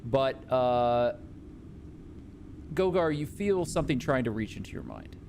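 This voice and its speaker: A man running a tabletop game, describing the scene in a halting way, with lots of "um" and "uh". His pitch moves a lot, and a clear hiss sits under the voice. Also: lively intonation. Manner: halting, fills pauses with "um" and "uh". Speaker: game master.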